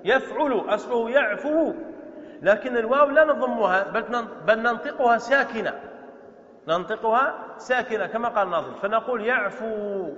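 A man's voice: very high voice, expressive, a bit bright. A man teaching a grammar lesson to students in a lecture hall. He stretches out words, repeats them, and asks questions that he answers himself. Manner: explains slowly, repeating words and drawing out vowels. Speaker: Islamic scholar teaching Arabic grammar. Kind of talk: classroom lecture on grammar verse. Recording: dull echoey lecture-hall recording.

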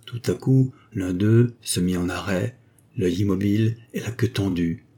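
A man reads a classic novel in a steady, measured audiobook narration. His voice sits low and dark, with a husky grain. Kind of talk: scripted narration.

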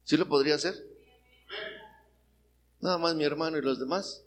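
A man's voice: fairly high pitch, moderate pace. A middle-aged Mexican man preaching a sermon, rousing the congregation with questions, in a Mexican Spanish accent. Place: church hall. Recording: long hall reverb, faint noise.

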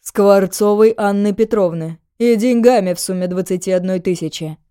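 A woman's voice: mid-range voice, normal speed, warm tone, clean tone, no room sound, clean studio sound, close to an everyday voice. A woman voicing a stern male police captain who talks in firm, formal official phrases.

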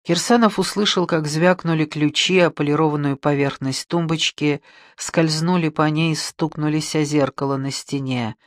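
A man narrating an audiobook in a low, calm, even voice. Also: moderate pace, no echo. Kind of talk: scripted narration.

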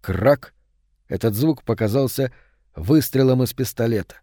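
A man narrating an audiobook with steady storytelling. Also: mid-range voice, normal speed, no room sound, studio quality.

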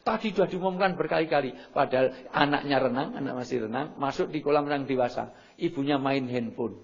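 A middle-aged man lecturing an audience, lively, acting out shouted examples and often apologizing politely. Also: mid-range voice, fairly quick. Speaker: seminar speaker. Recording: muffled lo-fi recording.

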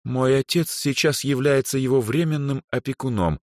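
A man voicing a bold, teasing young noblewoman in an audiobook, in an ironic, cheeky way and a much higher voice. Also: big pitch swings, moderate pace, fairly bright tone, dry recording, studio quality. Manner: ironic, cheeky, sharply raised voice.

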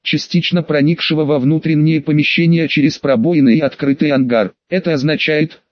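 A man narrating an audiobook in a steady, even reading. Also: on the high side, dry recording, highs cut off. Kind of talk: scripted narration.

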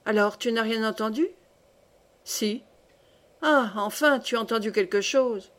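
Casting: woman reading a worn-out, teasing man for an audiobook, low and resigned. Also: measured pace, a bit bright. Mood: weary. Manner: tired, resigned, lowered voice. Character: weary, mocking man in bed.

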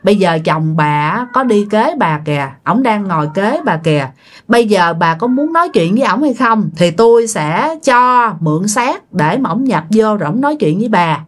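A woman with a Southern Vietnamese accent voicing a calm, knowing older male spirit medium. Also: medium pitch, moderate pace, close to an everyday voice. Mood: assured.

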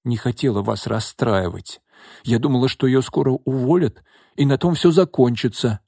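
A tearful young maid pleading her innocence in a high, strained voice, as a male narrator puts her on. The delivery is shrill and frantic, with a husky edge, in an audiobook reading on a dry, close mic. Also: normal speed, mellow, dry recording.

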